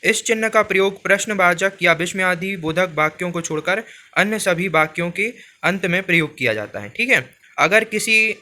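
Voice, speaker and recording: A man teaching a grammar lesson for exam preparation, explaining slowly and repeating a filler phrase as he goes through examples. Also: high voice, animated, pushed and bright.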